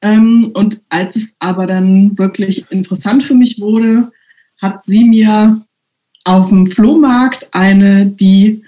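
Female guest, mellow tone, relaxed, hesitant conversational delivery. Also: medium pitch, takes it slowly. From Germany. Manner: relaxed, hesitant with many fillers. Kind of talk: casual conversation.

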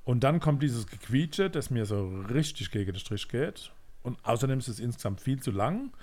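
Male podcast co-host, casual album talk, blunt and jokey, mid-pitched. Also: big pitch swings, normal speed, darkish tone. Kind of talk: casual chat.

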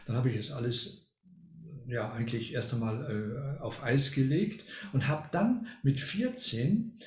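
A man's voice: medium pitch, expressive, a little slow, roomy sound. An older man from Argentina, a retired music professor, telling a story at length as an interview guest, with frequent hesitation fillers. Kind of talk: casual interview.

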